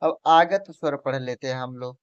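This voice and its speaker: A man's voice: medium pitch, moderate pace, clear, resonant tone, no echo. A man teaching a lesson for exam preparation, who asks questions and answers them himself and keeps calling the viewer his friend. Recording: dull, lo-fi recording.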